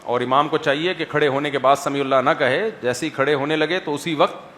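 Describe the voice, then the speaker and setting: A male religious scholar delivers a sermon and answers questions from his audience. His voice sits a little high for a man, and he talks rhetorically, pausing again and again to ask whether his listeners follow. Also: a bit bright, slight background noise. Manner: rhetorical, keeps checking listeners understand.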